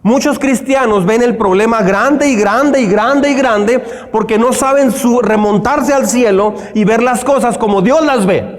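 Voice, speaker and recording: A man's voice: extremely high pitch, big-room sound. A Mexican man preaching a sermon as pastor, telling humorous stories and repeating phrases for emphasis. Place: church.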